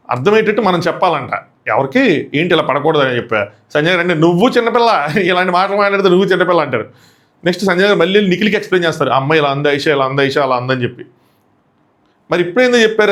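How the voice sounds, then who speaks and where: Fast-talking Telugu man recapping a show. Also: a little high. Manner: animated, acts out contestants' quotes in shifting voices. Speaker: show reviewer. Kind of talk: casual solo recap.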